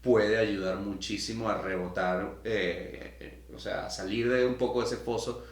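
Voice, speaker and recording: A Venezuelan podcast host conducts a casual interview, speaking in long, eager, wandering stretches. His fairly low voice stays steady and unhurried in an echoey room.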